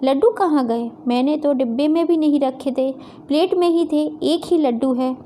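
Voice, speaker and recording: Woman voicing a meek young daughter-in-law, polite, worried, high voice, storybook reading. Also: moderate pace, mellow, a little hiss or hum, close to an everyday voice.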